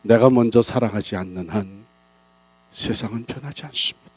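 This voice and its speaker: A man preaching at a church revival, rising and falling sharply in pitch and loudness as he presses his points. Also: normal speed, slightly rough, no echo, low-quality recording. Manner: dramatic, big swings in pitch and loudness. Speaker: pastor. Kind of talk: revival sermon.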